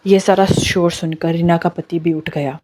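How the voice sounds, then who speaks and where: A woman narrating a horror story in a plain, steady storytelling manner. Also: lowish voice, a little slow, background noise.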